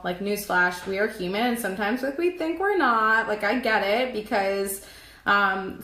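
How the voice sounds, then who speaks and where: A woman's voice: on the high side, a bit bright, roomy sound. A young woman business coach in a casual live stream, talking to viewers in an upbeat, chatty way with lots of filler words. She is tired and losing her voice.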